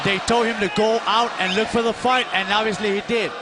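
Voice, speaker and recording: A man's voice: high voice, fairly even intonation, a little fast, background noise. A man giving live fight analysis as a boxing commentator. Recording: music and loud crowd behind.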